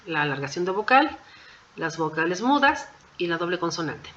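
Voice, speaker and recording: A woman's voice: fairly low pitch, big pitch swings, normal speed, fairly bright tone, dull audio, a little hiss or hum. A woman teaching a language class, going through exam answers point by point in a patient, methodical way and often checking in with the class.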